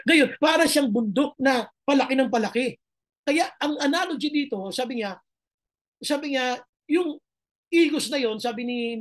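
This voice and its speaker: A woman pastor preaching a sermon, emphatic and repeating her phrases. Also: high-pitched. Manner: mixes Tagalog and English, emphatic, repeats phrases.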